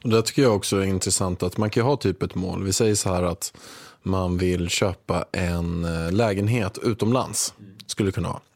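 A man hosts a casual conversation and asks curious follow-up questions. His voice is very deep. The recording is dry and close. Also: a little mellow, no room sound. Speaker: podcast host. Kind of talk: casual interview.

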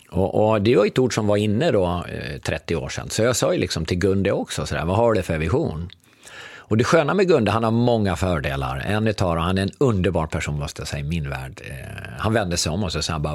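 A man's voice: fairly low pitch, no echo, clean studio sound. A middle-aged man, a guest on a conversational show, telling a story and acting out the dialogue in it. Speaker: podcast guest.

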